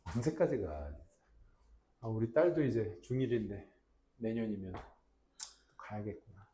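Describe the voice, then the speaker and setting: A man's voice: on the low side, measured pace, a little hiss or hum. A man in his forties, a private academy English teacher, casually telling a story to his class in a classroom and acting out the voices of kids. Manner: animated, acts out kids' voices.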